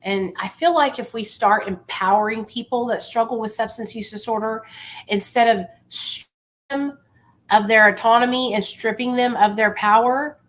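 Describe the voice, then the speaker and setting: Bright, high-voiced woman, impassioned motivational talk. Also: moderate pace, rough recording. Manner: emphatic, insistent, repeats phrases for force; informal, familiar address. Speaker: livestream host speaking on addiction recovery.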